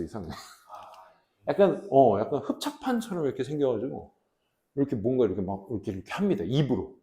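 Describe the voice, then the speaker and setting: A man in his forties teaching a high school English class in a casual, joking way, reading English slowly and translating it. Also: dark tone, roomy sound. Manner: chatty, jokes with students, asks them questions; reads English slowly, then translates into Korean.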